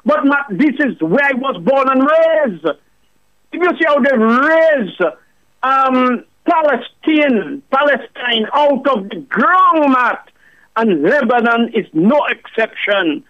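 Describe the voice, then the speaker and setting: A man's voice: very high-pitched, lively intonation, slow pace. A man calling in to a radio show, preaching and firing off rhetorical questions. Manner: preachy, repeats the host's name, rhetorical questions. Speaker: caller. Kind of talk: impassioned call-in rant. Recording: muffled phone line.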